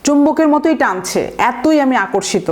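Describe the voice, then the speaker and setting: A young woman teaching a vocabulary lesson, explaining step by step, asking questions and answering them herself, and reading example sentences slowly. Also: sits high, expressive. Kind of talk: vocabulary lecture.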